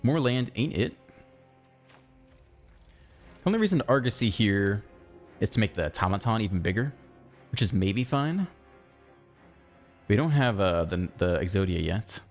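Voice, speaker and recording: A man giving casual, chatty commentary over his own card game, thinking aloud and breaking into excited outbursts. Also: on the low side, moderate pace, long pauses, soft background music. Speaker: gaming channel host.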